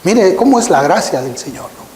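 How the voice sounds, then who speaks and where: A man in his fifties preaches with a high voice and earnest feeling. He tells personal stories and leans on slow, emphatic repetition. The sound rings around a large church hall, with a long reverb tail. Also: very animated, a little mellow. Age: 50s. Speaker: pastor. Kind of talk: sermon.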